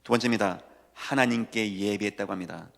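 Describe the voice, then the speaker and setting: A male pastor preaching a sermon, emphatic, swinging between hushed lines and loud declarations. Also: on the low side, brisk, gravelly. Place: church sanctuary. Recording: long church reverb.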